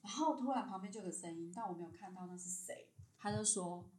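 A woman tells a story in a lively, animated way, voicing the people in it. Her voice sits at a middling pitch. It is recorded in an echoey room. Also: fast. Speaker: podcast guest. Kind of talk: casual storytelling chat.

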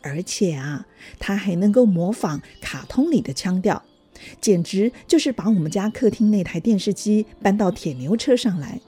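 A woman reading a children's story aloud in a gentle, even manner. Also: mid-range voice, normal speed, slightly rough, faint music behind. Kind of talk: scripted storybook narration.

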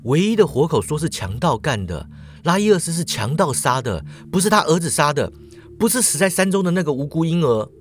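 A frightened queen, speaking fast and agitated in a raised, pleading voice, as a male storyteller puts her on. The voice rises well above his own, with wide swings in pitch. It is an audio storybook retelling. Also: big pitch swings, a little hiss or hum.

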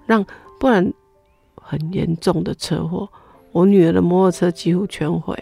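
Gravelly middle-aged Taiwanese woman. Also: on the low side, moderate pace, faint music behind. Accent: Taiwanese Mandarin. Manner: animated storytelling with many exclamations. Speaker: interview guest. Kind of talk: personal faith testimony.

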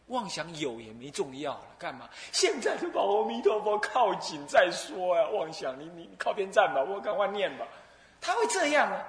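Animated monk telling stories. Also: male voice, high-pitched, echoey room. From Taiwan. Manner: animated storytelling, acts out dialogue, laughs often. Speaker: Buddhist abbot and lecturer. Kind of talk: Buddhist sermon.

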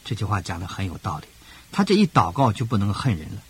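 An older man preaching a radio sermon as pastor, emphatic, with rhythmic parallel phrasing and sudden rises in pitch. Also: huge pitch swings, quick pace, breathy edge.

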